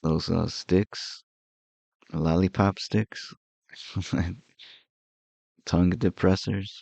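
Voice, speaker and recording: Man, casual streaming chat, unhurried, mellow dark tone. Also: low-pitched, steady tone, gravelly, no echo, muffled recording. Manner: rambling and easygoing, with frequent chuckles.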